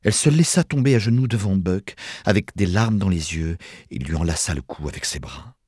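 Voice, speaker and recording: A man narrating an audiobook in an expressive storytelling manner. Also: low voice, a little fast, breathy edge, no echo, clean studio sound.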